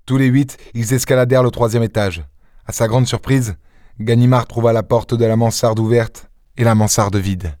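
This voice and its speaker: A man's voice: medium pitch, normal speed, no room sound, studio quality. Man narrating a classic story. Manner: steady, expressive storytelling. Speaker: audiobook narrator. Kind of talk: literary audiobook narration.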